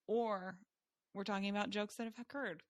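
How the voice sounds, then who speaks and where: A woman's voice: medium pitch, steady tone, normal speed, dry recording. Woman, Texan accent, easygoing podcast co-host, riffs on tangents, dry sound. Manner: laughs easily, riffs on tangents. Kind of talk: casual chat.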